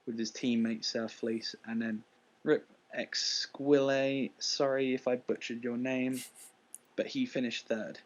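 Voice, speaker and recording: A man's voice: mid-range voice, little pitch movement, slow, highs cut off. A man as a guest presenter, reading racing news in a casual chat.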